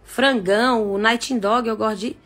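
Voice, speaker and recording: A woman's voice: on the high side, fairly even intonation, normal speed, fairly bright tone, faint music behind. A woman hosting a live stream, talking frankly with jokes and asides, shifting her pace for emphasis. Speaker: psychic live-stream host. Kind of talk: casual live-stream chat.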